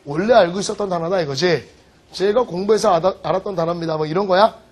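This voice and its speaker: A man teaching vocabulary in an online lecture, joking and teasing his students with quick rhetorical questions. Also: sits high, background noise. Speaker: English teacher.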